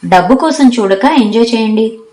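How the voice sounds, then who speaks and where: A woman's voice: a little high, animated, moderate pace, a little mellow, echoey room, close to an everyday voice. A woman voicing a kindly, good-humored older village father giving money to his son. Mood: fatherly.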